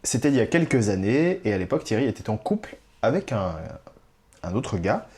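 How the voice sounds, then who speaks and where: A man hosting a casual chat, relaxed and self-mocking, often breaking into giggles. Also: on the low side, brisk. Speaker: host.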